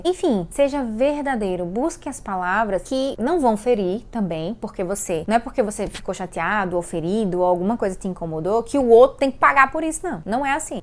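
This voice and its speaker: A woman with a Brazilian accent giving casual, chatty etiquette advice straight to camera, animated and full of rhetorical questions. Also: a little high. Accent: Brazilian Portuguese. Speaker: lifestyle video host.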